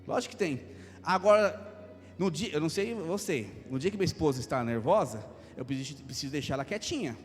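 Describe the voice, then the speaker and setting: High-voiced Brazilian pastor preaching. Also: male voice, a little fast. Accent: Brazilian Portuguese. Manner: lively preaching with jokes and acted asides. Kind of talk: sermon. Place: church hall. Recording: long hall reverb, faint music.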